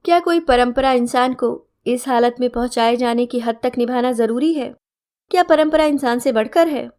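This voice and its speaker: A woman doing a gentle husband figure, earnest, persuasive, fairly high voice. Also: moderate pace, close to an everyday voice. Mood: questioning. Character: calm, gentle husband arguing against old customs.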